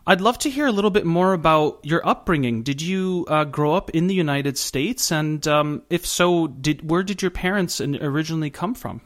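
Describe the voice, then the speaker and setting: A man's voice: fairly high pitch, moderate pace, hardly any pauses, fairly bright tone. A man hosting an interview show, asking long, earnest questions with many fillers. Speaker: host.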